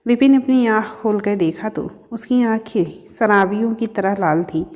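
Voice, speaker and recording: A woman's voice: mid-range voice, measured pace, a little mellow, big-room sound. A woman telling a family story in scripted narration, speaking to her listeners as friends. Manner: reads all characters in her own voice, addresses listeners as friends.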